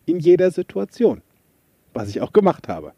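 Chatty guy podcasting, dry close mic, bouncy pitch, likes joking about himself. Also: moderate pace, husky, no room sound. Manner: chatty, self-mocking, lively storytelling. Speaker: podcast host, coach. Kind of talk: casual motivational podcast monologue.

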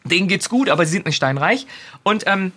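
Breathy woman chatting about a series. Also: lowish voice. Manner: lively retelling with quick quoted asides and many fillers. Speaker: podcast co-host recommending a series. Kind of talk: casual chat.

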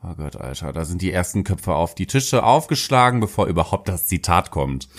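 A man co-hosts a casual educational chat, his voice sitting fairly low but swinging widely in pitch. He talks in a lively, slangy way and pokes fun at himself. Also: brisk. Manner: lively, slangy, self-mocking. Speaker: co-host.

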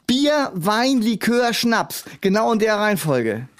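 Smug high-voiced man in a comedy sketch. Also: sing-song, slow. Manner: smug, scoffing know-it-all. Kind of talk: scripted comedy sketch dialogue.

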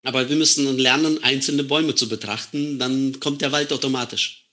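A man's voice: medium pitch, steady tone, normal speed, pushed and bright. A man who lectures in computer science, talking casually and explaining ideas through everyday examples. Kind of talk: casual conversation.

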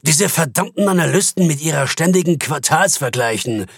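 A harsh, irritable bank boss, voiced by a man who snaps out curt, scornful remarks. His voice is husky, and its pitch moves lively. The recording is dry and close. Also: moderate pace, no room sound.

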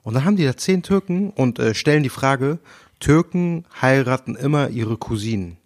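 Calm, reasoning podcast man. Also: mid-range voice, normal speed. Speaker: podcast co-host. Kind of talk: casual podcast chat.

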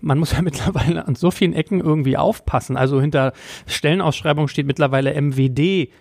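Quick-talking man with a slightly high voice. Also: creaky, darkish tone, no room sound, clean studio sound. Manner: quick, hedging, searching for words. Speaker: host. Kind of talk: conversational discussion.

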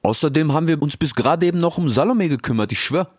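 A man's voice: on the high side, animated, fast, breathy edge, no echo, studio quality, pitched above the performer's own voice. A man voicing a brash, cheerful young male animal who talks in street slang, in an audiobook. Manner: slangy, tags lines with "ja?" and "ich schwör". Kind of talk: audiobook character voice.

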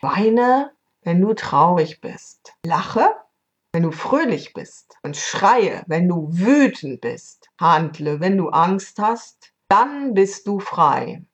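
A woman voicing a wise, kind female fairy who gives counsel in a gentle, instructive way. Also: lowish voice, sing-song, slow pace, highs cut off, exaggerated voice.

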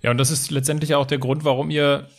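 A man's voice, a little higher than most, leads an interview. He sets up questions with care and hesitates now and then while he searches for words. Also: little pitch movement, fast, vocal fry.

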